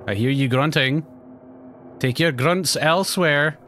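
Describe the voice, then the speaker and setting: A man streaming a horror game, talking to his viewers as he plays, jumpy and quick to swear. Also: on the high side, a bit bright, slight background noise. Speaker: let's play streamer. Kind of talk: live gameplay commentary.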